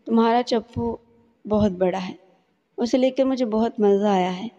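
A teasing, coy young maid, read out by a woman storyteller. The voice is warm and mellow, and the dull, lo-fi recording carries a long reverb tail. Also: on the high side, close to an everyday voice.

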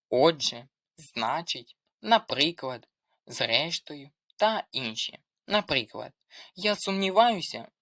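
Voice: medium pitch, fairly bright tone, no echo, clean studio sound. A language tutor giving an explanatory lesson, methodically reading out lists of examples.

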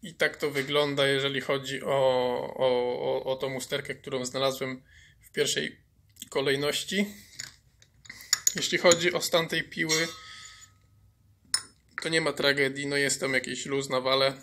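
A man's voice: mid-range voice, fairly even intonation, a little slow, long pauses, background noise. A man restoring an old chainsaw on his workshop bench, explaining each fault as he goes, with many fillers and repeated words. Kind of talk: workshop repair commentary.

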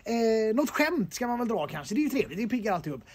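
A man's voice: sits high, very animated, a little mellow, a little hiss or hum. A man telling jokes in a loose, half-improvised way, with lots of "eh" fillers, recorded outdoors. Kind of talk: casual joke-telling chat.

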